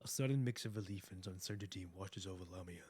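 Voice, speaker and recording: A man's voice: sits low, fast talker, breathy edge. A man streaming his reaction to a game story, switching between casual commentary and dramatic read-aloud narration. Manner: excitable, profane, exclamatory.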